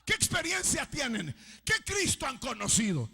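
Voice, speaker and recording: A man with a Salvadoran Spanish accent preaching a sermon as pastor, often breaking into loud, shouted outbursts. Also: very high-pitched, huge pitch swings, moderate pace, creaky, breathy edge.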